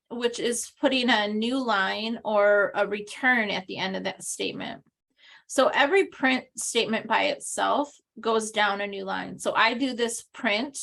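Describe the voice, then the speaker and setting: A woman teaching a class over a video call, her voice a bit high with a gravelly edge. She talks slowly, walking through each step and pausing on ums and restarts. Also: a bit bright. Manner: slow, explanatory, with many ums and restarts. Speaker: instructor. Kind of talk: recorded online class walkthrough.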